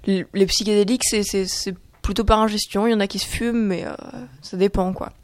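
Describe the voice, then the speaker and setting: A woman guest on a casual podcast who talks fast and explains things in a lightly amused way. Her voice sounds dry and close, with no room echo. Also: medium pitch, fairly even intonation, darkish tone. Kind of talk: casual chat among friends.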